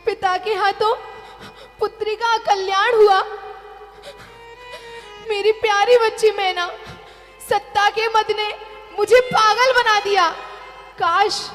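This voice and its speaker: A woman's voice: extremely high pitch, steady tone, slow, long pauses, a bit bright, heavily acted. A woman playing a remorseful king who begs his daughter for forgiveness, in an anguished, pleading stage declamation. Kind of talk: stage play dialogue. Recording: reverberant hall with background music.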